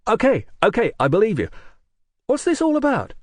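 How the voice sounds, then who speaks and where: A man voicing a brash, excitable young English writer in an audiobook, who answers with sardonic disbelief. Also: high-pitched, moderate pace, dry recording, pitched above the performer's own voice, heavily acted. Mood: incredulous. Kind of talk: audiobook character voice.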